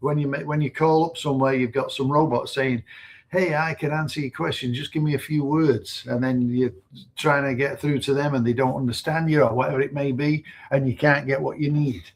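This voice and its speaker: Co-hosting a laid-back live stream, a man from Manchester speaks fairly quickly in a mid-range voice with fairly even intonation. His Mancunian accent comes through as he rambles along, leaning on fillers.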